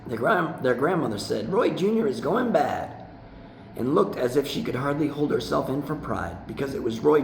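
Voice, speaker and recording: A man reading a short story aloud in a measured, deliberate storytelling manner. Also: mid-range voice, gravelly, a little hiss or hum. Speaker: audiobook reader. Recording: echoey room with faint ambience.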